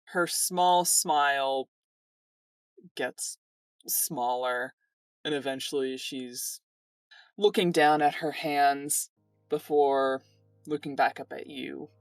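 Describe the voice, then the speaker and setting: A woman narrating a tabletop game as game master, in calm, descriptive narration. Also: extremely low pitch, slow pace, pauses often, dry recording, clean studio sound, far from the mic, faint music behind.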